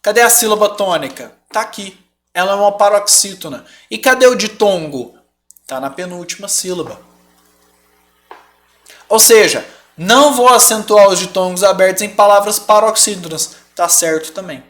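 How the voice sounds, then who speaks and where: A man's voice: high-pitched, expressive, normal speed. A man with a Brazilian Portuguese accent teaching a live online lesson, explaining patiently and checking in with the class often.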